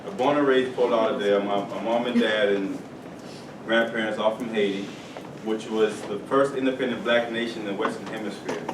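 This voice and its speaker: A man's voice: lowish voice, fairly even intonation, a little fast. Upbeat man speaking to schoolkids. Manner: upbeat, playful call-and-response with the class. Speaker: guest speaker at a school career day. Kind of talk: motivational talk to children. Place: school classroom or hall. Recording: echoey room, distant camera, noisy.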